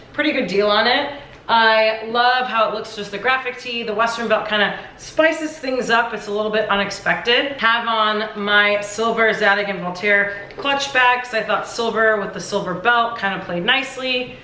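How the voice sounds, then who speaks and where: A woman's voice: mid-range voice, bright, forceful tone. A young adult woman chatting casually through a fashion styling vlog, upbeat and full of filler "like"s. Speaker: fashion vlogger. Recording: echoey room, distant mic.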